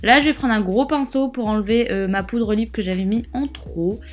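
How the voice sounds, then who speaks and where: A young woman with a slightly high voice talks through a makeup tutorial in a loose, chatty way, full of fillers and little asides. Faint music plays underneath her voice. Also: normal speed. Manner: casual, rambling, lots of fillers and asides. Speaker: beauty vlogger.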